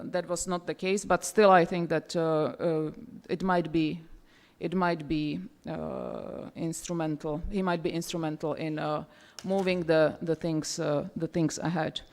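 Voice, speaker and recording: A woman from Czechoslovakia speaking English at a roundtable discussion, pausing often with fillers and restarting her sentences. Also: on the low side. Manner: hesitant, many fillers and restarts. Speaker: roundtable panelist. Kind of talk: conference panel remarks. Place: university seminar room.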